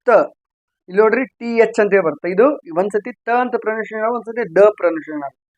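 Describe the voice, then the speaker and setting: A man's voice: high-pitched, no room sound, highs cut off. A man teaching English grammar sounds, repeating points and asking and answering his own questions. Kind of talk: explaining a lesson to viewers.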